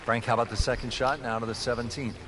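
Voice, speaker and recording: A man's voice: medium pitch, level tone, fast talker, noisy background, natural voice. A man playing a golf commentator, a polished, upbeat lead announcer calling the play and prompting his partner. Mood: upbeat, presenting. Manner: golf commentator phrasing, setting up questions for a partner.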